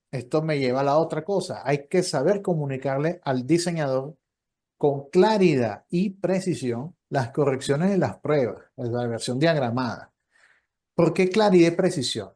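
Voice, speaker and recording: A man's voice: fairly high pitch, mellow. A man, a professor and copy editor, giving an online lecture in a conversational, explanatory way, acting out short dialogues along the way. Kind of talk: online lecture with audience questions.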